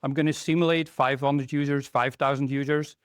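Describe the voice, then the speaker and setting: A middle-aged Belgian technical trainer speaks conversationally at a conference, frequently asking the live audience questions. His medium-pitched voice is level and clean in tone, a little fast, recorded at studio quality with no echo.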